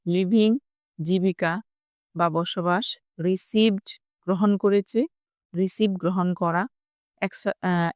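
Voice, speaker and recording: A woman teaches a children's English lesson at a very unhurried pace, saying each word carefully and sounding out its syllables. Her voice sits at an ordinary middle pitch. The recording is close and dry, with no room sound. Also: smooth, no room sound. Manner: slow and deliberate, breaking words into syllables. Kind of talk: slow classroom lesson explaining words and syllables.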